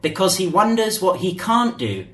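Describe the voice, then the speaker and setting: A man's voice: sits high, sing-song, moderate pace, fairly bright tone. A man hosting a podcast with upbeat, casual banter. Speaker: podcast host. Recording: roomy echo, faint music behind.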